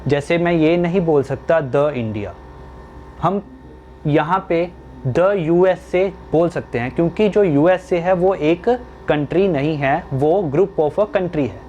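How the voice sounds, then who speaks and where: A young man teaching English grammar in a slow classroom style, asking questions and answering them himself. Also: fairly high pitch, warm tone, a little hiss or hum.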